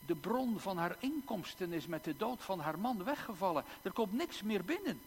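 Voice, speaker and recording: A male pastor preaching a sermon in a church, slow and emphatic, with long dramatic pauses and repeated words. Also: sits high, very animated. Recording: echoey church hall, faint hum.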